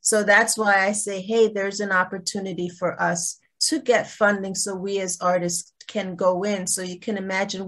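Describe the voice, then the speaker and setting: A woman from Trinidad, raised in Brooklyn, hosts an online gallery talk over a video call. She talks in a chatty, loose way, restarting sentences and leaning on "you know." Her voice sits at an ordinary middle pitch.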